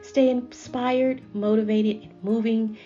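A woman hosting a home decorating channel, gently chatting viewers through each step in a voice-over. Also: a little high, fairly even intonation, slow, dull audio, soft background music. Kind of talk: voice-over narration of a decorating video.

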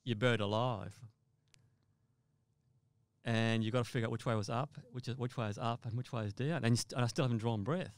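A man from Australia, a mountaineer guest in an interview, telling a vivid story in a halting way with repeated words. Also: mid-range voice, fairly even intonation, no echo.

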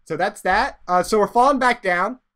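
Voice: medium pitch, normal speed, fairly bright tone. A let's play host giving casual, rambling game commentary, often trailing off into mumbles.

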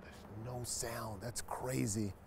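A gravelly, mid-range male voice moves at a slow pace over background noise as a former football player in his forties casually recounts memories while walking through an empty locker room and stadium. He sounds relaxed and reflective, turning animated when he greets a friend, in a casual storytelling walk-and-talk.

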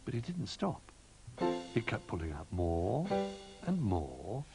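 A man with a lowish voice reads a children's storybook aloud, his pitch swinging widely in a sing-song way. Music plays clearly under the narration. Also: huge pitch swings, slow.

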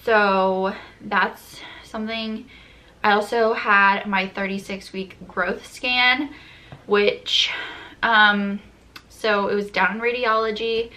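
A woman's voice: mid-range voice, steady tone, slow pace, bright, forceful tone. A young woman vlogging a casual pregnancy update from home to a camera on a tripod, a little short of breath and chatty, with many ums and likes.

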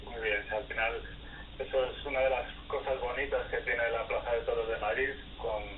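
A man hosting a live online talk, calmly steering the conversation and reading out viewer comments. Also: mid-range voice, normal speed. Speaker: host. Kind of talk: live stream interview. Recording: distant tinny phone line with noise.

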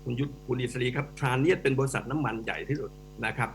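A middle-aged man, an economics professor, giving animated, emphatic commentary as a guest on a radio talk show and addressing the hosts directly. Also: mid-range voice, fast talker, creaky. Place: radio studio. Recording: radio studio with faint mains hum.

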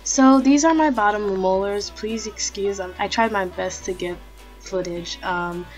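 A woman's voice: mid-range voice, measured pace, soft background music, rough recording. A young woman vlogger talking casually while her finger stretches her mouth open, so her words come out mumbled. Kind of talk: casual vlog Q&A.

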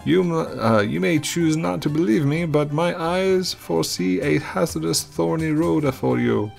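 A man voicing a dramatic, grandiose old fortune teller from a video game, with drawn-out theatrical delivery. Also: on the high side, gravelly, darkish tone, soft background music, voice pushed up. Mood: ominous, grandiose.

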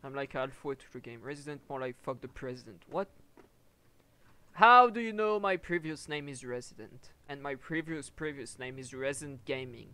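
A man's voice: medium pitch, moderate pace, pushed and bright. A young man streaming a horror game, chatting casually and teasing a friend over voice chat, laughing often. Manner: joking, teasing, laughs a lot. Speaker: gameplay streamer. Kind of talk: casual voice chat while gaming. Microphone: headset or desk mic on voice chat.

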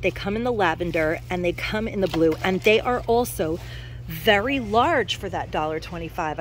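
A woman with a medium-pitched voice records a casual shop-with-me vlog inside a large discount store, holding her phone camera. She raves eagerly to viewers, addressing them as "you guys." A faint hiss or hum is audible.

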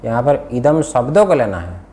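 Indian-accented male teacher, scripture class, asks students questions and repeats key terms; mid pitch. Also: very animated, normal speed, warm tone. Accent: Hindi-speaking Indian. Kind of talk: classroom lesson, explaining a text.

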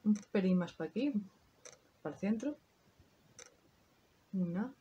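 A woman in her thirties with a Spain Spanish accent talks her viewers through a makeup look in loose, chatty asides. She speaks straight to camera as if to friends and drops the odd swear word. Her voice sits at an ordinary middle pitch. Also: lively intonation, measured pace, warm tone, dull audio, a little hiss or hum. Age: 30s. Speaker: beauty vlogger. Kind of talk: casual makeup tutorial chat.

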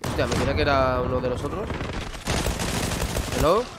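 A man with a Spain Spanish accent giving excitable live gameplay commentary, exclaiming and talking to himself. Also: mid-range voice, moderate pace, very noisy. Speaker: gaming youtuber. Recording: gameplay audio with gunfire behind. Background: gunfire from the game.

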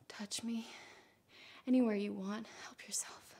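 An actress playing a bitter, reckless woman who presses her former lover in low, urgent whispers. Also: steady tone, measured pace, mellow, slightly rough. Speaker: actor in a filmed scene. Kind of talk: film scene take.

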